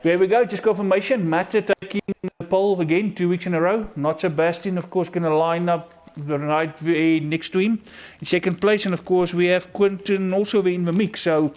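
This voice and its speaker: A man's voice: sits high, steady tone, moderate pace, hardly any pauses, darkish tone. A South African man with an Afrikaans accent, giving casual live commentary on a sim racing stream. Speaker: esports race commentator.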